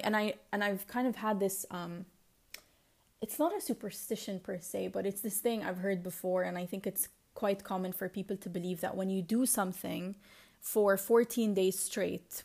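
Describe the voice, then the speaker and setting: A woman's voice: mid-range voice, fairly even intonation, normal speed, a little mellow. A woman with a Lebanese accent, partly Americanized, talks as a solo podcast host in a casual, confessional, reflective and rambling way.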